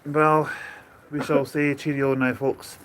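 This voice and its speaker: A man's voice: fairly high pitch, flat delivery, takes it slowly, a bit bright, slight background noise. A man hosting an outdoor live stream, chatting casually and easygoingly with a friend and his viewers. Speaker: host of a travel live stream.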